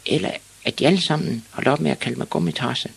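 A man voicing an eager, excitable young boy in a storybook reading, with a husky, gravelly edge. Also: a little high, pitched above the performer's own voice, exaggerated voice. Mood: pondering.

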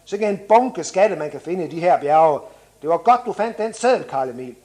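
A man's voice: on the high side, sing-song, mellow. A man voicing a cheerful small boy on a treasure hunt, eager and upbeat.

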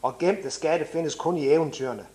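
A man's voice: a little high, mellow, close to an everyday voice. A man reading as a stern practical mother.

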